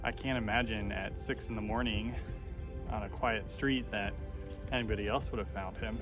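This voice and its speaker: A man's voice: on the low side, steady tone, normal speed. A man in his thirties from the United States reads aloud and comments casually in a self-conscious, candid, reflective way. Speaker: vlogger. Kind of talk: reading old journal entries aloud with casual commentary. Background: background music.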